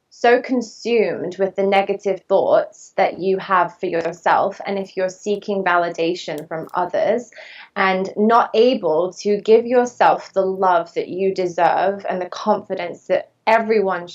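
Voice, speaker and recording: A woman's voice: mid-range voice, measured pace. A woman telling her story as a podcast guest, speaking in an earnest, fluent and reflective way. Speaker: podcast guest, actress and body-image coach. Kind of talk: candid personal storytelling. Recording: distant, dull remote recording.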